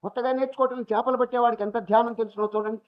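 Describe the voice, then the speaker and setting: High-voiced man giving a spiritual discourse. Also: fairly even intonation, very fast. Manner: storytelling, mixes English phrases into his talk. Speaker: swami giving a scripture lecture. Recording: dull lo-fi archival lecture recording.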